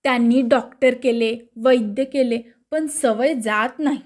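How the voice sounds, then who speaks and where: A woman's voice: on the high side, measured pace, a little mellow, natural voice. A woman reading the part of a neighbor's wife complaining about her husband's habit.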